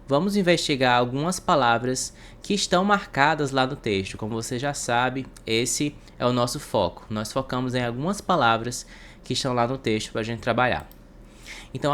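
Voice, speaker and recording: A man with a Brazilian Portuguese accent, teaching an English lesson and translating each example. He reads the English phrases slowly and with care. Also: medium pitch, fairly bright tone. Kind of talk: explanatory online lesson.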